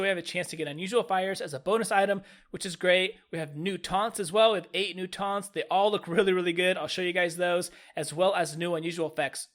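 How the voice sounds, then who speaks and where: A gaming YouTuber with a cold reviews a new game update casually and with upbeat enthusiasm, repeatedly saying "really, really." His voice is high and fairly bright, though stuffed up.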